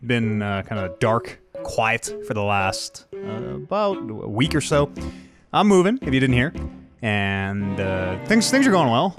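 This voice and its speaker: A man's voice: medium pitch, sing-song, unhurried, music in the background. Man talking in an echoey untreated room. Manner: rambling, self-interrupting, upbeat. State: out of breath from the heat. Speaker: podcast host. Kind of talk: casual update to followers.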